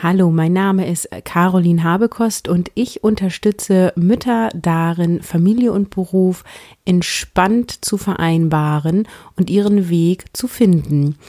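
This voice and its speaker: A woman's voice: medium pitch, mellow, no room sound, studio quality. A woman introducing a podcast as its host, speaking directly to the listener. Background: faint music.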